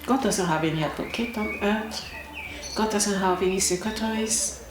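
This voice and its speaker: A young woman from Cameroon, talking casually to camera as a vlogger, slow and deliberate with pauses and emphatic repetitions. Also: mid-range voice. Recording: echoey room with clear background noise.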